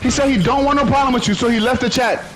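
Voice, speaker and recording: A very high-pitched man arguing heatedly in a voice chat. He is angry and profane, and he keeps repeating the same lines as he presses his point. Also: fast, background noise. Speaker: voice chat participant. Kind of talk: heated argument.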